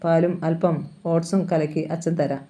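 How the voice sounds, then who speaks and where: A gentle, grieving father and doctor, voiced by a storyteller reading the tale aloud explains things to his small daughter softly and patiently. His voice is mellow and dark, and it moves in an even, level line. This is a storybook reading in Malayalam. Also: medium pitch, moderate pace, lightly acted. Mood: tender, consoling. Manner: soft, consoling explanations to his child.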